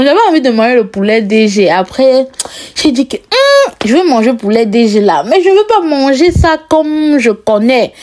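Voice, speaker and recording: A woman's voice: on the high side, a little mellow. A woman with a strong Cameroonian French accent hosts a casual cooking vlog. She chats as she cooks, asks her viewers questions directly, and laughs often as she talks. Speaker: cooking vlogger.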